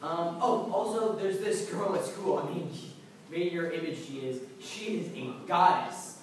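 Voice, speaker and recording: A man's voice: fairly high pitch, unhurried, natural voice. A young actor playing a teenage boy who rambles through a wish-list prayer in a church skit. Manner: rambling, bargaining, awkward. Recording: echoey room from far off, faint noise.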